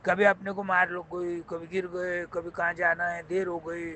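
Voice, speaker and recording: A man telling a moral folk tale in a lively, conversational way, often repeating phrases. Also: sits high, normal speed, a little hiss or hum, low-quality recording. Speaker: storyteller.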